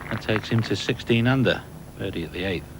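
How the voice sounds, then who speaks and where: A man's voice: lowish voice, fairly quick. A man giving live golf commentary as a broadcast commentator. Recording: noisy outdoor broadcast ambience. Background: outdoor course ambience.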